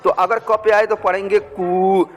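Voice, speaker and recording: Male teacher, patient and repetitive, fairly high voice, recorded with a long reverb tail. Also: little pitch movement, a little slow, a little hiss or hum. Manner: patient, repetitive, checks with "ठीक". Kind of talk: blackboard language lesson.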